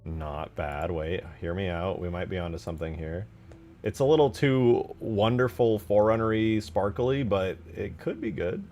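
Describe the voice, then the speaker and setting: There's slight background noise behind this man's low, dark-toned voice, which keeps a moderate pace. He's streaming his game-modding work, chatting informally and thinking aloud in slangy fragments with casual swearing.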